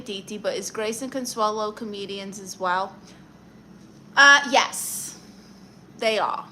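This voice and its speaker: On her livestream, a young woman from Brooklyn, New York, speaking with a Brooklyn accent, responds to viewer comments with quick, sassy advice and brassy comebacks. Her voice is on the high side, bright and forceful, with a faint hiss or hum in the recording.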